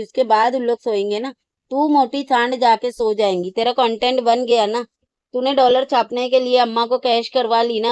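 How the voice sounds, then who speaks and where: A woman's voice: a little high, darkish tone, smooth, no room sound. A woman giving angry, sarcastic commentary on a vlog, scolding and insulting the people in it as she reacts. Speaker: reaction channel host.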